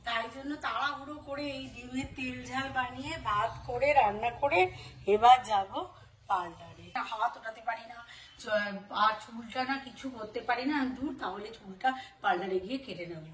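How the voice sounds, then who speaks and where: A woman speaking at a slight distance, her voice sitting in a roomy, echoing space over faint noise. She talks in a hurried, matter-of-fact way, and her voice is on the high side. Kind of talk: casual chat.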